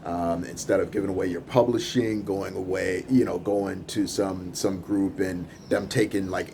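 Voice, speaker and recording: Filming from his city apartment with the rooftops in view, a deep-voiced music producer and podcast host makes an off-the-cuff vlog. A native English speaker, he's laid back and rambling, laughing between thoughts, with a bit of city noise behind him.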